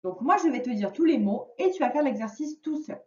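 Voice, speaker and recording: A woman teaching a young child to read in a remote lesson, giving patient, clearly articulated instructions. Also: sits high, lively intonation, brisk, darkish tone. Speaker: primary school teacher. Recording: roomy, distant, dull lo-fi sound.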